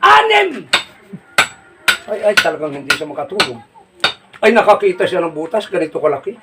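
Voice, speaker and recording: A man telling jokes in a folksy, rambling way, laughing at his own punchlines and shouting them out. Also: on the high side, quick pace. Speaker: comedy joke teller. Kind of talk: casual joke telling. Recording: distant mic with faint noise.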